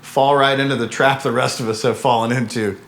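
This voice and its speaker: A man's voice: mid-range voice, fairly even intonation, a little fast, a bit bright. A man hosting a casual interview, chatty and joking as he asks questions. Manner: joking, conversational, asks follow-ups. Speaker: host.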